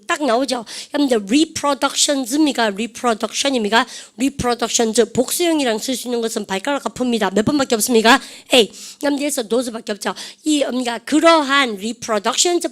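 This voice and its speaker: A woman's voice: fairly high pitch, a bit bright. A woman English teacher giving an online grammar lecture, quizzing her students with constant questions and drilling English words aloud.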